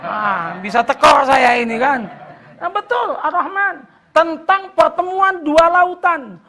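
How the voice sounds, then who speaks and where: A man preaching a sermon to a study gathering. He recites scripture slowly, explains it plainly, and jokes with the audience. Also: extremely high pitch, some chatter behind. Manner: joking with the audience, voice rising when animated. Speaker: Islamic preacher.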